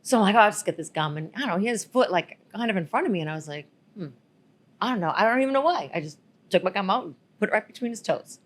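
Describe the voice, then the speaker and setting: A woman's voice: mid-range voice, lively intonation, very fast. A woman co-hosting a podcast, telling a rambling story in a casual, giggly way. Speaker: podcast co-host.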